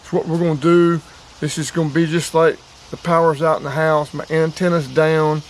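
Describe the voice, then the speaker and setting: An outdoors and radio hobby vlogger from North Carolina gives a casual, plainspoken demonstration outside, repeating himself for emphasis. His voice is a little high with little pitch movement, at a normal speed. Ambient background noise is clearly audible.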